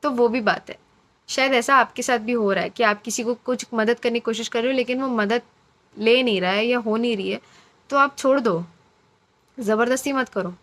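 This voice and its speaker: A woman's voice: fairly high pitch, normal speed, fairly bright tone. A woman giving a casual, encouraging intuitive reading to her viewers, chatty and repeating phrases for emphasis. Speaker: intuitive card reader.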